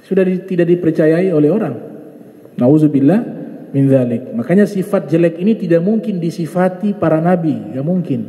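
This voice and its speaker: A man preaching a religious study lecture, retelling a fable with lively storytelling and quoting Arabic phrases that he translates. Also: sits high. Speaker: Islamic preacher. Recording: echoey hall with long reverb.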